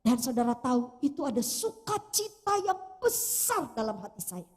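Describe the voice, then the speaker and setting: Brief: woman pastor, lively sing-song sermon delivery, addresses the congregation head-on. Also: high voice, moderate pace, breathy edge. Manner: animated storytelling, addresses congregation directly. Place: church. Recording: long church reverb.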